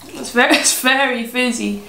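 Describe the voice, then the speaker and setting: Woman beer reviewer, higher voice, giggly casual chat, roomy echo. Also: fairly even intonation, normal speed, gravelly, sharp tone, a little hiss or hum. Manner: chatty, giggly, trails off mid-sentence. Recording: echoey room.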